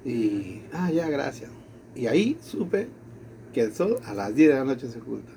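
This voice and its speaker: A man's voice: medium pitch, measured pace, gravelly, a little hiss or hum. A man from Latin America casually telling a personal story, acting out the quoted dialogue. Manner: animated, acts out quoted dialogue. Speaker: storyteller in conversation.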